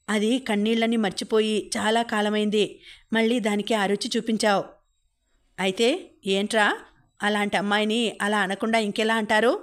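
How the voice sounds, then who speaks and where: A woman's voice: medium pitch, close to an everyday voice. A woman reading as a fiery young brother. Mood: reproachful.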